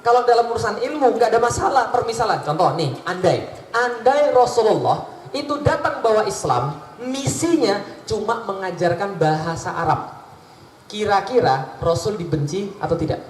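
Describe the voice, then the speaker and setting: A male preacher with a strikingly high voice delivers a lively sermon. He quizzes his audience and slips into little acted dialogues. The sound carries through an echoey hall. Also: moderate pace, a little hiss or hum. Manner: lively, asks the audience questions, acts out dialogues. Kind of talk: Islamic sermon.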